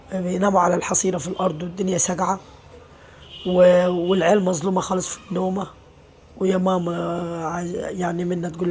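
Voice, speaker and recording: A middle-aged Egyptian mother talks quickly to her viewers in a weary, venting way. She sprinkles her talk with pious phrases. A faint hum of room noise sits behind her. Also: on the low side, darkish tone. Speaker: mother and home vlogger. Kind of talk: casual confiding vlog talk.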